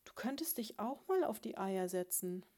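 A woman reading a storybook, voicing a prim, self-assured female sparrow who lectures her husband in a patronizing, gently scolding way. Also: medium pitch, lively intonation, a little slow. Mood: lecturing.

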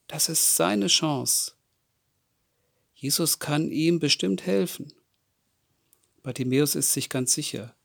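A man's voice: a little high, vocal fry, no room sound, studio quality. A man telling a Bible story to children, often stopping to ask them questions. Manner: asks the listening children questions.

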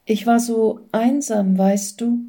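A woman voicing a gentle young wife in a storybook reading, speaking softly and tenderly. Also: fairly high pitch, steady tone, slow pace.

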